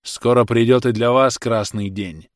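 A man doing a defiant peasant shouting back. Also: mid-range voice, steady tone, unhurried, no echo, clean studio sound, lightly acted. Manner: forceful, accusing, raised voice.

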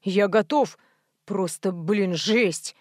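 Audiobook: a woman playing a jittery young man, lower and hushed, mumbling and panicky. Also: takes it slowly, dry recording, studio quality, lightly acted. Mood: nervous. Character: nervous young male actor.

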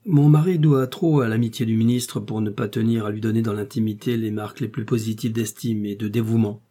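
Male reader as a bitter proud young woman, dark husky voice. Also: fairly low pitch, fairly even intonation, brisk, close to an everyday voice. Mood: guarded. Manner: clipped, defiant.

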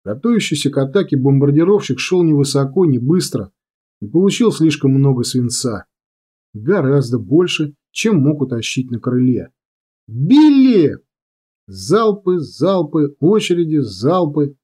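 A man narrates an audiobook with dramatic storytelling, his pitch rising and falling in a lively way. His voice is dark and mellow, with a husky edge. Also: normal speed. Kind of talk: scripted narration.

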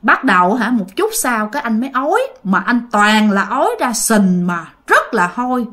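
A woman's voice: fairly high pitch, animated, moderate pace, a bit bright. A woman telling a ghost story in a casual, chatty way, speaking directly to her listeners.

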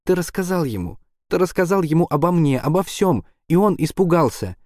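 A man's voice: on the high side, sing-song, brisk, darkish tone, no echo, clean studio sound, voice pushed up. A man voicing a hurt teenage girl who questions someone in a cold, accusing way, in an audiobook.

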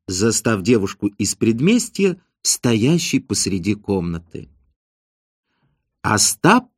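A man narrating a comic novel as an audiobook in an expressive, lively storytelling manner. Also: medium pitch, no room sound, studio quality.

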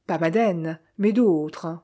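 Fields: Figure: woman reading as an earnest young man. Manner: polite. Tone: mellow. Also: lowish voice, slow.

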